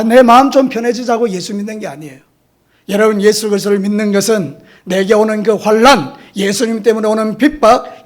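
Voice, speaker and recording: A male pastor preaching a sermon, telling vivid stories and rising to loud emphatic declarations to his congregation. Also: sits high. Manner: vivid storytelling, calls out to the congregation.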